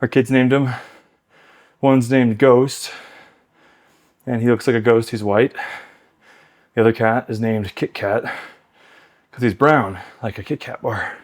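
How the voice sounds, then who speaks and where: A workout host in his thirties rides an exercise bike at home, out of breath as he chats loosely between workout cues in a casual coaching session. His mid-range voice has fairly even intonation, a measured pace and long pauses.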